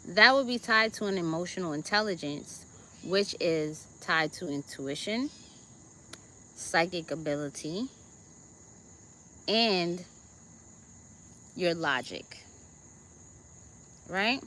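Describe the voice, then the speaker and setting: A woman with a Jamaican accent gives a deliberate self-help talk as host, often checking in with her listeners with "okay?" and "right?". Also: on the low side, animated, pushed and bright, a little hiss or hum.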